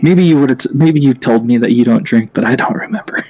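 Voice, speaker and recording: A man's voice: mid-range voice, fast, darkish tone, soft background music. Laughing man at a game table. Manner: laughing, easygoing. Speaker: player. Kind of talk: casual tabletop banter.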